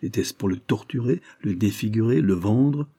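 Dark husky male narrator. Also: on the low side. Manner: measured, expressive literary narration. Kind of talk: audiobook reading of a classic novel.

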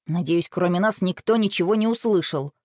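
A woman's voice: on the low side, a little fast, a little mellow, dry recording, clean studio sound, natural voice. A woman reading a storybook aloud and voicing a self-important, precise older brother who explains everything. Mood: stern. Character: pedantic know-it-all older brother.

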